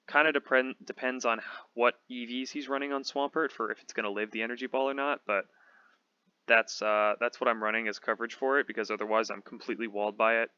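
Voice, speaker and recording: A man with a slightly hoarse voice, casually thinking aloud as he talks through a game team build. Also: medium pitch, bright, forceful tone, dry recording, muffled recording. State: slightly hoarse, losing his voice. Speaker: competitive Pokemon channel host.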